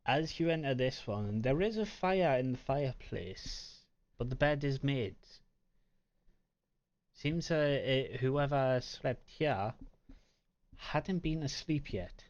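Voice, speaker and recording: Brief: male game master, slow and measured, smooth voice on a slightly muffled mic. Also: medium pitch, expressive. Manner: halting, measured descriptions. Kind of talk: narrating a tabletop game.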